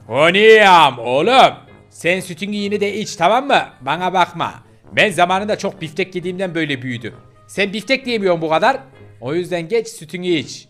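A man's voice: sits high, expressive, brisk, fairly bright tone, soft background music. A man doing a game role-play voiceover, mocking and exasperated. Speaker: gameplay role-player.

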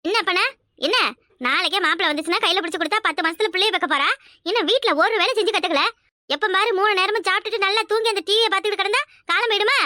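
A woman's voice: very high voice, racing, bright, forceful tone, no echo, studio quality. A woman voicing a scolding, complaining older sister and housewife in a cartoon, with a Kanyakumari Tamil accent.

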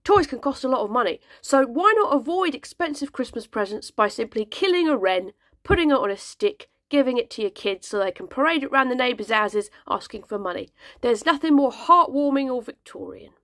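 A woman's voice: fairly high pitch, expressive, brisk, fairly bright tone, no echo. A woman playing a cheerful, morbid Victorian urchin, breezily delivering grim comic tips. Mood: chirpy. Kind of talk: comic sketch monologue.

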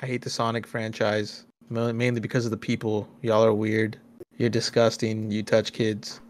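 A man's voice: fairly low pitch, monotone, moderate pace, a little hiss or hum. A man co-hosting a casual group reaction podcast, blunt and mocking with plenty of profanity. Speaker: podcast co-host.

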